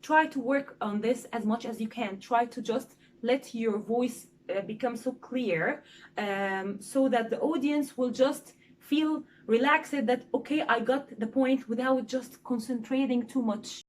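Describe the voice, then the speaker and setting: A young woman who speaks Egyptian Arabic as a first language, teaching presentation skills in English with a lively, demonstrative manner and many "okay?" fillers. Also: fairly high pitch, a little slow.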